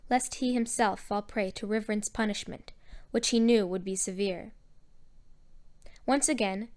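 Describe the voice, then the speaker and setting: A woman narrating a story in a measured storytelling manner. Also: on the high side. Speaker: audiobook narrator.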